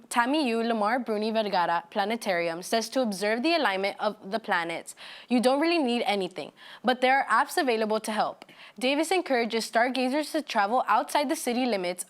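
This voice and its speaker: A young woman with a fairly high voice reads prepared news copy as a student anchor. She presents stories in a scripted mock-newscast format.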